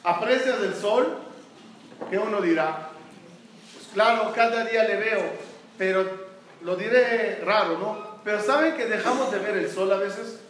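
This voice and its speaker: An Israeli rabbi gives a Torah talk to an audience in a high, slightly bright voice at a somewhat slow pace, posing questions to his listeners and answering them himself. The sound is echoey and faintly noisy, picked up by a distant mic.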